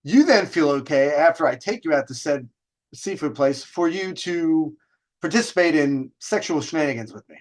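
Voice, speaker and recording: With a fairly high voice, lively intonation and normal speed, a man hosts a dating advice show. His casual storytelling monologue gives viewers advice in a brash, emphatic way, stretching out stressed words and throwing in rhetorical questions.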